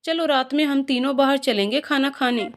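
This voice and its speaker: A woman voicing a kind, motherly mother-in-law who speaks gently. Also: high-pitched, normal speed. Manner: warm, motherly.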